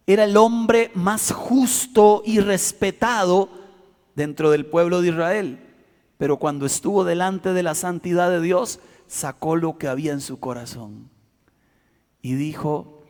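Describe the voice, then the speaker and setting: A man preaching a sermon, telling a personal story and acting out cries and quotes with dramatic swings. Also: high-pitched. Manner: dramatic, acts out shouts and quotes. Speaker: pastor. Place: church hall. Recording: long hall reverb.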